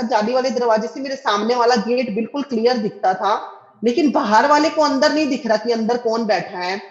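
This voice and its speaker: A fairly high-voiced, middle-aged woman tells a personal devotional testimony in an earnest way. She speaks straight to her listeners and acts out every line of dialogue. The recording is echoey and dull, with a lo-fi sound.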